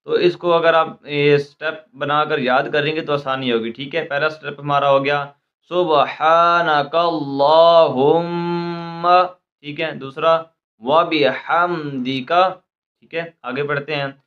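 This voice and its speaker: A man teaches Quran recitation, spelling out letters and syllables slowly before explaining quickly and often checking in with "theek hai." His voice is a little high and the sound is lo-fi.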